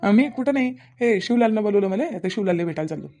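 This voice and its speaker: A woman's voice: mid-range voice, expressive, fast, warm tone, slight background noise, pitched below the performer's own voice, lightly acted. A woman voicing an evasive middle-aged husband in a cartoon, muttering to himself. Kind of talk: Marathi cartoon voice acting.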